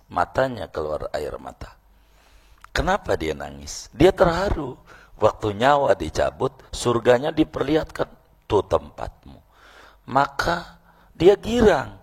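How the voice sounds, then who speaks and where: A man preaching at a mosque, telling folksy stories, acting out voices and teasing the audience with questions. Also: sits low. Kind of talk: mosque lecture after midday prayer.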